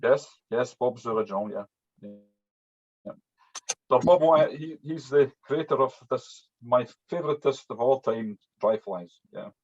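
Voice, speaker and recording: Chatting his way through an informal hands-on demo, this fly-tying instructor speaks in a strong, broad Scottish accent and keeps ending sentences with "yeah". His mid-range voice is a little slow, a little mellow and slightly rough. The recording is lo-fi, dull and muffled.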